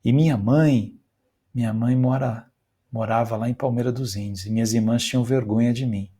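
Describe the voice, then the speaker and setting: A man's voice: medium pitch, fairly even intonation, normal speed, warm tone, slightly rough, natural voice. A man recounting the words of a humble, sorrowful older churchgoer in plain, earnest speech. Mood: grieving.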